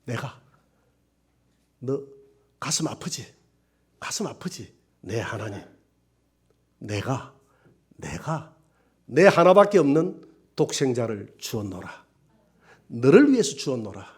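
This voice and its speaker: A man's voice: medium pitch, big pitch swings, slow, long pauses, slightly rough, voice pushed down, heavily acted. A pastor giving voice to God as a grieving father. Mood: hushed, tender. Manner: hushed and tender, swelling to anguished cries. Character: God speaking to a grieving servant, sorrowful father.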